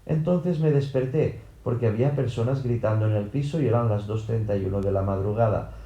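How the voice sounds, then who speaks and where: A man narrates a first-person audiobook in an even, literal manner. His voice is mellow and mid-pitched, and the recording has a roomy echo. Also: a little fast, lo-fi sound.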